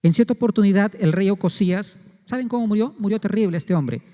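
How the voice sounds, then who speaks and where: A man's voice: sits high, fast, warm tone, in a large hall. A man preaching a sermon as pastor, asking the congregation rhetorical questions.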